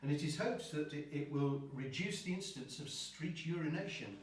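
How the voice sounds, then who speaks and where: A man's voice: fairly high pitch, moderate pace, noisy background. A man co-hosting a brewery live stream, reading odd news items aloud with dry humor. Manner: wry, reads out news items with dry jokes. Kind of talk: casual chat and news reading. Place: room with a table and drinks. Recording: roomy sound from far off the mic, faint music.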